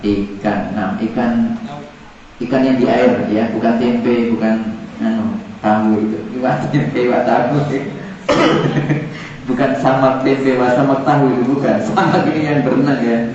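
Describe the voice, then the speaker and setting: Joking Arabic teacher in echoey hall. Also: male voice, medium pitch, fairly even intonation, a little slow, darkish tone, slight background noise. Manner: repeats words, jokes and chuckles with students. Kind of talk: classroom lesson. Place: large echoey classroom. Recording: echoey, distant, dull room recording with students. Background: class of students.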